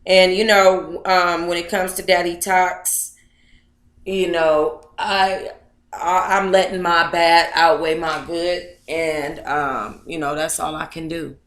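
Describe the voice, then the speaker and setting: Her voice is lowish and flat, and she takes things slowly in a reverberant space. On a casual livestream she reads her own book aloud, bantering with her audience in a playful, slangy, chatty style.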